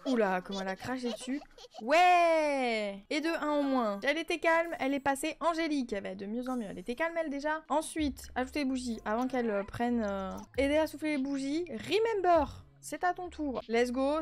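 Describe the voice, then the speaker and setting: Exasperated high-voiced woman gaming. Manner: chatty, exasperated, joking. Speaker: gaming YouTuber. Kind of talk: Let's Play commentary.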